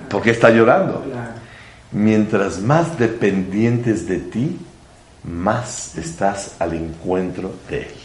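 A man with a low, lively voice preaching a Torah lesson at an unhurried pace. He teases out his points with rhetorical questions and playful everyday examples. The sound rings around an echoey room. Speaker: religious teacher. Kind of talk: Torah sermon.

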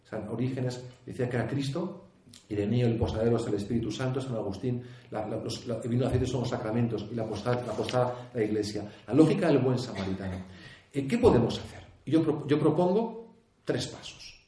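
Castilian priest, conference speaker; earnest, halting restarts, mellow tone, echoey hall. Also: male voice, mid-range voice. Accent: Castilian Spanish. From Spain. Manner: earnest, frequent restarts, rhetorical questions and tag "¿eh?". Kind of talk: conference talk.

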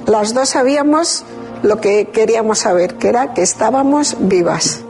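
A woman giving an interview, telling a deeply personal story in a measured, reflective way with hesitant restarts. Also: a little mellow, soft background music. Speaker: interview guest. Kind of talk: emotional personal testimony.

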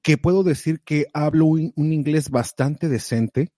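A man giving lively, direct, motivational advice in a casual conversation. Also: on the high side, a little slow, no room sound, clean studio sound. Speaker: guest sharing advice.

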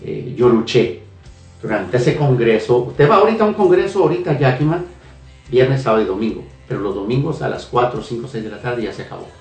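A man's voice: medium pitch, lively intonation, a little fast, a little mellow. Earnest man giving a faith testimony. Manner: earnest, repeats phrases, many hesitations. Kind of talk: emotional spoken testimony. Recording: echoey room, heard from a distance, faint music.

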